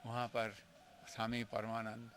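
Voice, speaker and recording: A man's voice: mid-range voice, monotone, measured pace, a bit bright, a little hiss or hum. A man, a monk being interviewed, telling his memories earnestly and with feeling, slipping in English phrases. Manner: earnest, emotional storytelling mixing in English phrases. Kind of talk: reminiscing interview.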